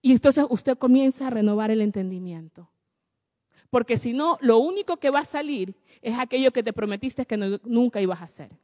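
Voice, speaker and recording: Speaking in a sermon style, a woman with a high, mellow voice talks fairly quickly and keeps turning to her audience with questions. A long hall echo surrounds her, and the sound is dull and lo-fi.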